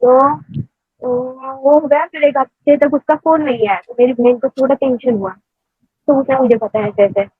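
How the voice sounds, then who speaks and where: Female phone-in caller, high husky voice, halting storyteller, tinny phone audio. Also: steady tone, no echo. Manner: rambling, many hesitations.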